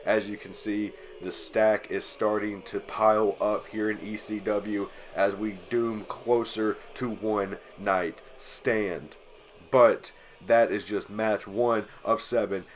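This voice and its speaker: A man with a stuffy, congested voice from allergies, hosting and calling play-by-play over a wrestling video game, getting loud on the big moves. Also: lowish voice, steady tone, takes it slowly, a little hiss or hum. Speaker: channel host.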